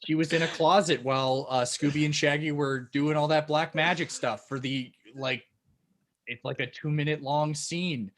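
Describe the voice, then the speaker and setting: A man's voice: a little high, steady tone, moderate pace, fairly bright tone, slight background noise. A man co-hosting a podcast review, laid-back and casual, with dry quips. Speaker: podcast co-host.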